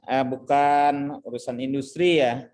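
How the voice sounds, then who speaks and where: A man's voice: medium pitch, steady tone, a little slow, a little mellow. A man in his sixties from West Java, speaking modestly with hesitant fillers on a video call. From West Java, Indonesia. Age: 60s. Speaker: university official. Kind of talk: casual video call chat.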